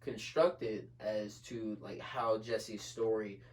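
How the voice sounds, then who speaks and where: A young man co-hosting a podcast, chatting about TV shows in a casual, excitable way, often repeating himself. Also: slow, distant mic. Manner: excitable, repeats himself, swings loud and high. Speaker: podcast co-host. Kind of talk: casual chat.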